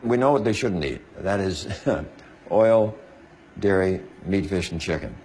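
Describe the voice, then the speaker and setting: Man, doctor, interview answers, emphatic, deep voice. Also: animated, a little slow, a little mellow, a little hiss or hum. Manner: emphatic, lists items one after another.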